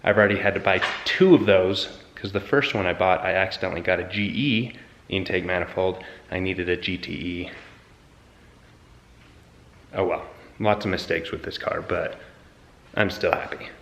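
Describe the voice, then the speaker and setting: In an echoey garage, a car builder and channel host with a low, deep voice chats eagerly to the camera while wrenching on his project car for a casual build vlog. He talks at a moderate pace, pausing often, and as he moves around, his voice drifts nearer and farther from the camera mic in dull audio.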